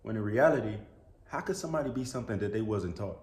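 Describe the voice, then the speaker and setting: Indoors, a YouTuber talks earnestly to the camera in a fast, lowish, slightly mellow voice with lively intonation, and the room sounds reverberant. He's a little sick and sneezes now and then. His casual, preachy talk keeps circling back to "bro" and "you know what I'm saying."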